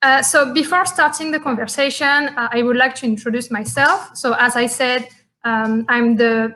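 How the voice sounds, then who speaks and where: A woman's voice: a little high, a bit bright. A woman from France, moderating a conference panel with many fillers and restarts.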